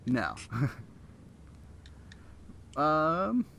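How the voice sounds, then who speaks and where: A man's voice: a little high, huge pitch swings, drawn-out words, gravelly, bright, forceful tone, highs cut off. A man co-hosting a live-stream podcast, chatting casually and joking, often trailing off mid-sentence. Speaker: podcast co-host.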